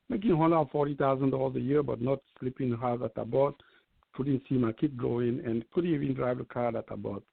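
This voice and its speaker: A man in his fifties from Cameroon, speaking as a guest on a call, gives an earnest and persuasive testimonial in a creaky, mid-range voice. The call-in line sounds tinny and phone-like, with no echo.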